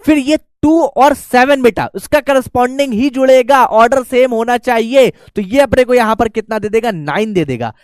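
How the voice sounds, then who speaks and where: A man's voice: extremely high pitch, normal speed, few pauses, a little mellow, no room sound, studio quality. A male maths teacher giving a lesson who coaxes his students and keeps checking that they follow. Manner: coaxing, keeps checking students follow, calls them "beta".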